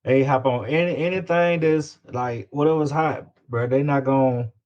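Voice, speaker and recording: An independent music artist from Louisiana in the United States chats casually as an interview guest in a Southern US accent, using slang and repeating himself for emphasis. His voice sits at a medium pitch and moves at a moderate pace, captured on a dull, lo-fi recording.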